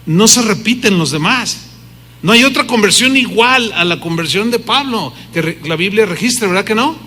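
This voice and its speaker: A man's voice: high-pitched, pushed and bright. A middle-aged man preaching a sermon emphatically, asking the congregation rhetorical questions. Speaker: pastor. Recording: hall reverb.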